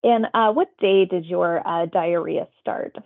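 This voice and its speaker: Over tinny, phone-like audio, a female public health phone interviewer works through survey questions politely and procedurally, in a conversational style. Her voice sits on the low side and is gravelly, and she speaks unhurriedly.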